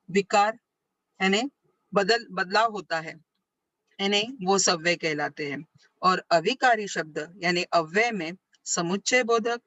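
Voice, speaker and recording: A woman's voice: medium pitch, fairly bright tone, no echo, rough recording. A woman teacher giving a grammar lesson, explaining step by step, rephrasing points and asking questions that she then answers herself. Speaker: school Hindi teacher.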